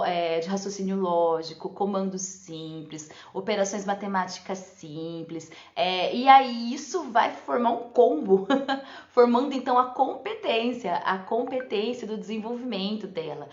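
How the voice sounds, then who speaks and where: A chatty woman teacher talks through teaching ideas in a relaxed live session, often tagging her sentences with little check-ins. Her voice sits at an ordinary middle pitch. The room sounds echoey and the audio is slightly dull, like a lo-fi stream. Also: moderate pace. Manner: chatty, often adds "né?" and laughs.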